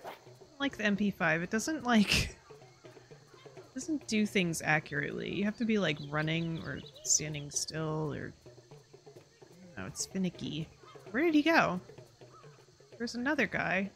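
Female streamer, casual chatty play-along commentary, slightly low voice. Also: big pitch swings, measured pace, creaky, a bit bright. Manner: chatty, rambling, lots of fillers. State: hiccups. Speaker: streamer playing a game.

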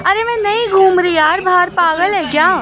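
A woman's voice: very high voice, moderate pace, music in the background. A young woman on a staged prank phone call, insistent, annoyed and pleading. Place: metro train. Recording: crowded noisy metro carriage.

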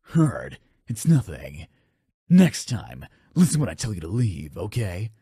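A man voicing a weary, wounded monster warrior with a gravelly, husky voice in game-style acting. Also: low-pitched, wildly swooping pitch, measured pace, mellow, dry recording, clean studio sound, exaggerated voice. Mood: pained, strained.

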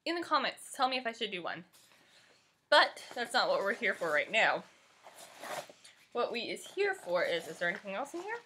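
Bright, lively young woman vlogger. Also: mid-range voice, a little hiss or hum. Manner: chatty, excitable, talks while eating. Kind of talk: casual unboxing chat.

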